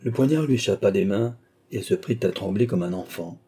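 Man reading an old novel aloud, measured, very low dark voice. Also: breathy edge. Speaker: audiobook narrator. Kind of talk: scripted narration.

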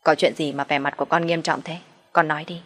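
A domineering older mother-in-law from an audio story, voiced by a woman narrator, sharp and contemptuous with a somewhat low voice. She scolds hard and bosses people around. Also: little pitch movement, quick pace. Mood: reassuring.

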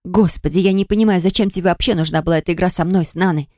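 A woman's voice: fairly low pitch, fairly even intonation, racing, a little mellow, no room sound, clean studio sound, lightly acted. A woman voicing a proud, hurt young woman who speaks sharply and reproachfully. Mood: crying out.

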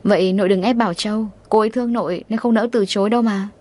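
A woman's voice: medium pitch, steady tone, rapid-fire, lightly acted. A woman reading the lines of a stern, determined young husband from a wealthy family in an audiobook. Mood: persuasive. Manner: firm, quietly determined.

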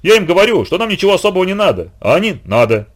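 A man voicing a kind, steady grown man who looks after children, speaking calmly. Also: high-pitched, racing, pitched above the performer's own voice. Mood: reassuring.

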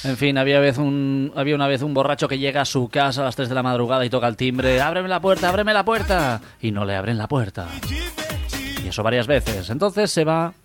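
A man, co-hosting a radio comedy show, telling jokes expressively and jumping up in pitch for the characters. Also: fairly quick, over music. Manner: expressive joke delivery with pitch leaps for characters.

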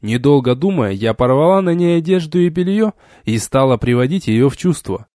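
A man reading an adventure novel aloud as an audiobook, in an expressive storytelling way. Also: mid-range voice, normal speed, dry recording, studio quality. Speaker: audiobook reader. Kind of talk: audiobook narration.

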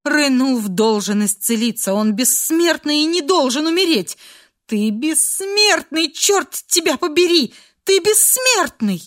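A woman's voice: high voice, normal speed, hardly any pauses, lightly acted. A woman voicing a desperate, fierce young heroine who pleads and cries out. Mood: desperate pleading. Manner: pleading, crying out.

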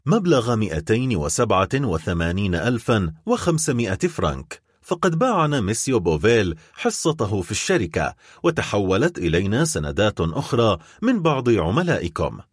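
A man voicing a composed, sympathetic agent sent to collect debts, who speaks in a measured, formal way. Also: on the low side, very animated, breathy edge, no room sound, studio quality.

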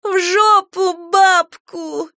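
A woman voicing a vicious young girl with a bratty, taunting, shrill manner. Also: unhurried, fairly bright tone, no echo, clean studio sound. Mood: tearful fury. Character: feral young girl turned vicious predator.

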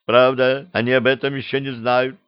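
A whiny, wailing talking cat who steals and sulks, as a male narrator puts him on. Pushed a little higher than the narration, recorded dry with a dull, lo-fi tone. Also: flat delivery, normal speed, clean tone, no room sound, natural voice. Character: whiny honey-smeared male cat thief.

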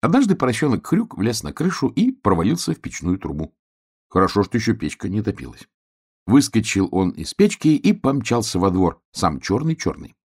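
Man, children's storybook narrator, husky voice, hugely lively delivery. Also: on the low side, moderate pace. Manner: expressive, animated read-aloud.

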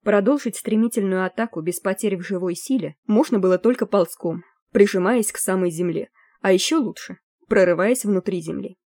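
A woman narrating an audiobook with a warm, mellow tone. Her reading is lively and expressive, recorded close and dry. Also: medium pitch, brisk, dry recording.

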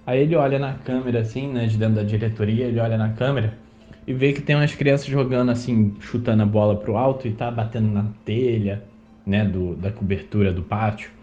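A man's voice: lowish voice, fairly even intonation, a little fast, mellow, muffled recording, faint music behind. A man from Brazil, a podcast host, telling a personal story in a chatty, indignant way. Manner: chatty, indignant, many fillers. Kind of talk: casual storytelling monologue.

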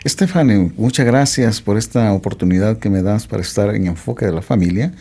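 Gravelly-voiced man telling his life story. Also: fairly low pitch, brisk, warm tone. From Mexico. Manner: hesitant, with frequent "eh" fillers and restarts. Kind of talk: testimony in an interview.

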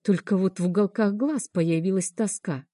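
A woman's voice: medium pitch, moderate pace, warm tone, dry recording, studio quality. A woman narrating a first-person story in a dramatic, emotional reading style. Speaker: audiobook narrator.

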